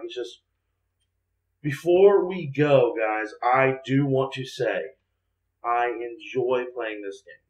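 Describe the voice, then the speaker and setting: Over Discord voice chat, a man hosts a casual gaming podcast, rambling and thinking aloud. His voice is medium in pitch, and the audio is poor, in an echoey room.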